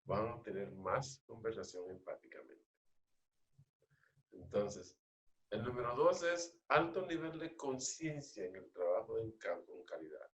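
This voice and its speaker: A man leading an agile training session, coaching a participant with slow, questioning explanations. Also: fairly low pitch, expressive, roomy sound.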